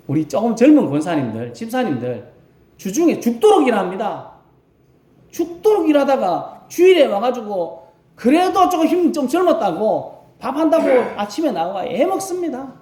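A male rural pastor preaching a Sunday sermon, asking his congregation questions as he goes. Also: high voice. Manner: animated preaching, asks the congregation questions and acts out voices. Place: church sanctuary. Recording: roomy church echo.

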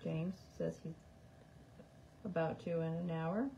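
A woman's voice: low voice, steady tone, slow pace, vocal fry, warm tone, highs cut off, slight background noise. A woman co-hosting a livestream in casual chat, reading out viewer comments and teasing her partner.

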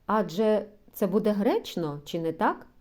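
A naive, hot-tempered bourgeois gentleman, as a woman reader puts him on, with an eager exclaiming manner and a loud, lively voice that swings high and low. The tone is mellow and warm. It sounds like a storybook comedy read aloud. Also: unhurried, close to an everyday voice. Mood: confiding.

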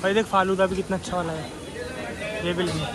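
Fast-talking and chatty, this market-tour vlogger has a high voice with little pitch movement and keeps repeating himself. The casual street chat is recorded amid loud crowds and traffic.

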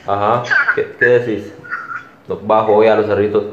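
A man's voice: lowish voice, level tone, moderate pace. A young man with a Central American Spanish accent, chatting casually as he hosts a phone prank vlog. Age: young adult. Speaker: prank caller and video host. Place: small bedroom, indoors. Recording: echoey, dull room sound, faint noise.

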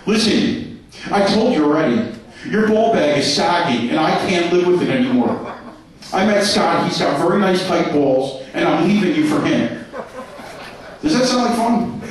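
Male stand-up comic, high-pitched and brash, crude punchlines, echoey club recorded from afar. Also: lively intonation, moderate pace. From New York. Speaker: stand-up comedian. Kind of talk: stand-up comedy set. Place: comedy club stage, live audience. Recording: echoey club heard from a distance.

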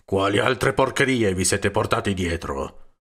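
A man's voice: on the low side, lively intonation, a little slow, fairly bright tone, full character voice. A man voicing a burly, hot-tempered communist mayor in an audiobook, roaring out indignant outbursts. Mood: furious shouting. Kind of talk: audiobook character reading.

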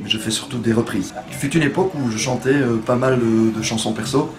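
Music plays behind a man from Belgium as he's interviewed about his singing in a cramped kitchen backstage at a bar. He speaks briskly in a steady, mid-range voice, keeping it casual but hesitating frequently.

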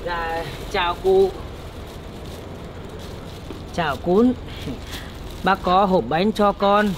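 A woman's voice: lowish voice, fairly even intonation, extremely slow, background noise. A woman playing a kind middle-aged neighbor, polite and sympathetic. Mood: kindly.

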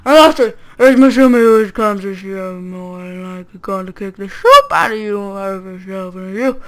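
A woman's voice: mid-range voice, normal speed. A young woman playing a video game with a friend, reading the characters' lines aloud in a silly, slurred voice. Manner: silly put-on drunk voice while reading characters. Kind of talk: casual let's play chat.

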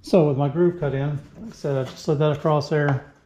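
A middle-aged man talks through his woodworking steps in a casual, matter-of-fact way, his voice sitting a little high for a man. The home garage shop rings around him, and a faint hum of noise runs under the sound. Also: fairly even intonation, a little fast, mellow, reverberant. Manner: plain-spoken, step-by-step, talks through each move as he works. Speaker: woodworking channel host. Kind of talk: casual how-to narration while working.

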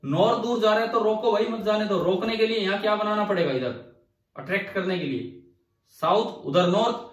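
A brisk, high-voiced male physics teacher gives a classroom lecture in an echoey room, recorded from a distant mic. He asks the class questions and answers them himself, repeating key phrases to drive his points home.

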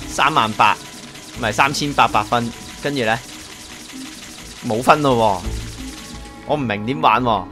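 A man's voice: medium pitch, pushed and bright. A man with a Hong Kong Cantonese accent giving a casual, chatty game walkthrough, thinking aloud as he plays. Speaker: gaming YouTuber.

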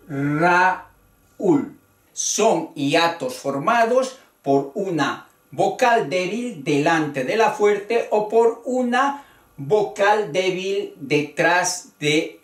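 A Spanish teacher giving a spoken grammar lesson, talking deliberately and counting out syllables one by one. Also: medium pitch, expressive, distant mic. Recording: echoey room, voice away from the mic.

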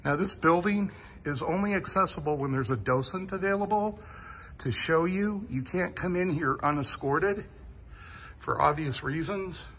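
A man's voice: on the high side, normal speed, fairly bright tone, slight background noise. Enthusiastic man touring a vehicle warehouse. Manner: enthusiastic, awed. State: a bit sweaty after driving. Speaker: vlogger touring a vehicle museum. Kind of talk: casual walk-through narration. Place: large indoor vehicle warehouse.

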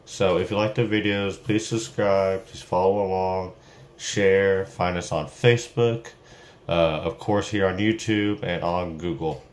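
A man's voice: low-pitched, steady tone, measured pace. A young man who runs a small junk removal business, talking casually to his phone camera with lots of fillers, partly from his car. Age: young adult. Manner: plain, upbeat, chatty with many fillers. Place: in a car, then in a small room at home. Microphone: phone camera at arm's length. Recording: noisy phone recording with vehicle sounds.

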